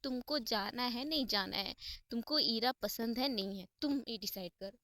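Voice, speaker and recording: A middle-aged mother, firm, teasing and affectionate, lecturing her daughter, as a woman narrator puts her on. A high but slightly lowered voice, recorded dry and close. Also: normal speed, bright, forceful tone, no room sound. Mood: scolding.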